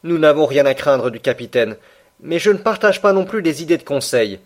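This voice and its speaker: A man voicing a thoughtful middle-aged naturalist professor in an audiobook reading, laying out arguments in a measured way. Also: fairly high pitch, animated, lightly acted. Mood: reasoning.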